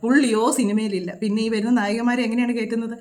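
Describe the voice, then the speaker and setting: Fast-talking indignant woman. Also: a little high, fairly even intonation, a little mellow. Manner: scolding, indignant, rapid rhetorical questions. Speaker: vlogger. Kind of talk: opinionated reaction commentary.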